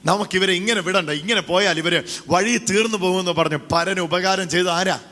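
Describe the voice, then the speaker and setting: A man with a high, bright, forceful voice preaches a call-and-response sermon at a moderate pace, speaking into a handheld microphone. He urges the congregation to repeat after him, and the hall adds an echoey reverb.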